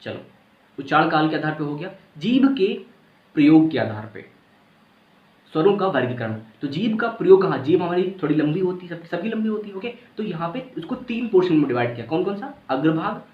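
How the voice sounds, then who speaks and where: A man gives a relaxed grammar lesson, sounding out vowels and checking in with his students. His slightly high voice swings up and down as he explains. The recording sounds dull and lo-fi, with an echoey room around him. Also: a little fast. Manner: casual, repeats points, checks understanding. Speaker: teacher.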